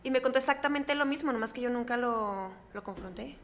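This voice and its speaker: A woman's voice: a little high, fairly quick. A young woman with a Mexican accent, chatting casually as a guest and acting out the voices in her stories. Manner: chatty, animated retelling with quoted voices. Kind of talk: casual storytelling. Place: coworking space.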